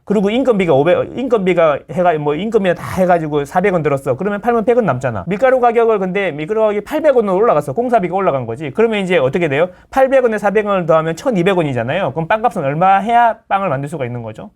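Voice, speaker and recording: Fast, animated middle-aged man explaining. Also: high-pitched. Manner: animated, acts out quoted people in voices. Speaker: real estate lecturer, guest. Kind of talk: casual explanatory chat.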